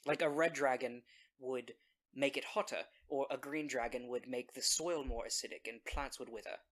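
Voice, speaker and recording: A man's voice: medium pitch, normal speed, fairly bright tone. A man playing a tabletop role-playing game, chatting casually and speaking in character.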